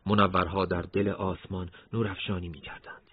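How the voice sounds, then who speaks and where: A man narrating a war story in a steady, measured reading voice. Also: low voice, slightly rough, no room sound, highs cut off.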